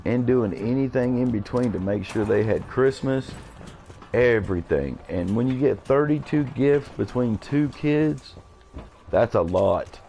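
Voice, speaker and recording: Gravelly guy in his 30s ranting on a live stream, swears a lot, raw and blunt. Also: mid-range voice, a little slow, warm tone, slight background noise. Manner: blunt, profane, emotional venting.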